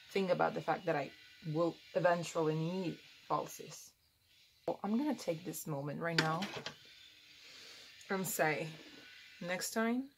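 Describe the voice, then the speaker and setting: A woman's voice: on the low side, slight background noise. A young woman at home rambling through a casual behind-the-scenes vlog as she does her hair and makeup, laughing at herself in a self-deprecating way. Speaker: vlogger.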